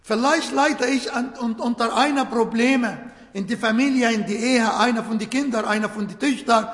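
A man preaching a sermon in a slow, halting way, often restarting phrases and searching for words, with earnest emphasis. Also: very high voice, a bit bright. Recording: echoey hall with long reverb.

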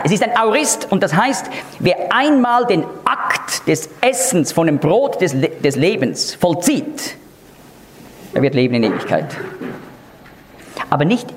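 A man's voice: fairly high pitch, slight background noise. A man teaching an expository Bible lesson in an emphatic, explanatory way, leaning hard on key words.

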